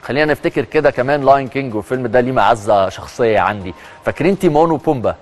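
A male TV presenter with an Egyptian accent talks quickly through a social media news round-up. He mixes read-out items with chatty, emphatic comments of his own, at a mid pitch. A faint music bed plays under his studio voice. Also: lively intonation. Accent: Egyptian Arabic.

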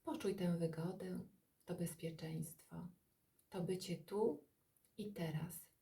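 A woman leading a guided body-scan meditation in soft, calm, drawn-out phrases with long pauses. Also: on the low side, vocal fry.

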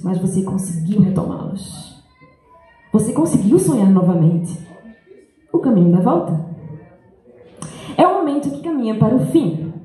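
Young woman speaker, dark mellow tone, earnest and reflective, handheld mic in a big echoey school hall. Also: medium pitch. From Brazil and France. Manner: earnest, reflective, reads from paper. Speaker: speaker giving a school talk. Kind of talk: reading a personal talk aloud. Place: large school hall, indoors.

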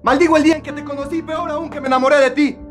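A man's voice: very high voice, steady tone, very fast, faint music behind. A man playing a resentful, scornful father in a melodrama. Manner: bitter, scornful. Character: harsh, resentful father, later remorseful. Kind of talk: melodrama acting.

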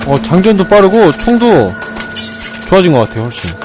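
A man commentating his own gameplay, excitable, shouting and swearing at the screen. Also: sits high, a little fast. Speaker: game streamer. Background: game music.

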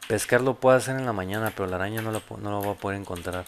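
A man with a Mexican accent giving casual, profane commentary as he plays a game, often bursting into loud yelps. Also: on the low side, rapid-fire, a little hiss or hum. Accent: Mexican Spanish. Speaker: gameplay YouTuber.

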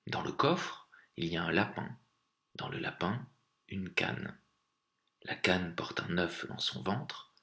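Baba Yaga, hushed old witch, as a man puts her on. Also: low-pitched, animated, takes it slowly, creaky, full character voice. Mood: hushed, secretive. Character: scheming old witch, vengeful crone.

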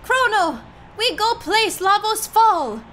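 Woman doing a high, shouty cavewoman warrior. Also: sing-song, slow pace, slight background noise, exaggerated voice. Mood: urgent. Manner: broken caveman-style English, clipped shouts. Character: fierce young cavewoman warrior, blunt and brave. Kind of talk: reading game dialogue aloud with voices.

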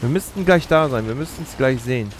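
A man in his thirties hosts a let's play, offering chatty, explanatory gameplay commentary from his gaming chair into a close streaming mic. His mid-range voice is animated and fast, and the indoor setup carries a little hiss or hum.

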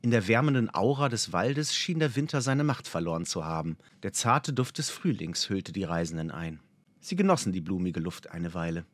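A man narrating a fantasy audiobook in a dramatic, expressive storytelling manner. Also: deep voice, normal speed, no echo.

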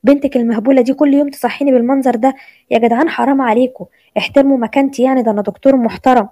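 A woman's voice: sits high, fairly even intonation, rapid-fire, dark tone, no room sound. A woman with an Egyptian accent voicing a grumbling young man who complains about his sister. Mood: whining. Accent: Egyptian Arabic. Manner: complaining, exasperated. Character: grumbling young man, teased older brother.

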